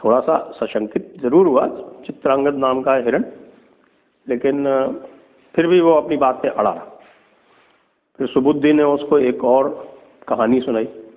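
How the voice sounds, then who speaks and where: A man's voice: unhurried, pauses often, big-room sound, rough recording. Man retelling a fable with commentary. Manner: lively storytelling, drops to low asides. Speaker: host, commentator.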